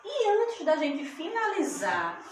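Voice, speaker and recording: A woman teacher speaks slowly and patiently, drawing out each syllable for young learners. Her voice sits a little high and sounds distant from the mic. An echoey room and steady background noise surround her. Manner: slow, drawn-out syllables, checks in with "tá bom?". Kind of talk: classroom lesson for children.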